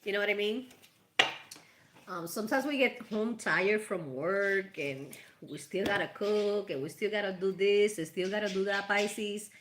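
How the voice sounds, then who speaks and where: A Puerto Rican tarot reader and channel host, whose first language is Spanish, gives a casual live reading with spiritual advice, talking chattily and affectionately to her viewers. She speaks unhurriedly in a mid-range voice with a Puerto Rican accent, and there is slight background noise.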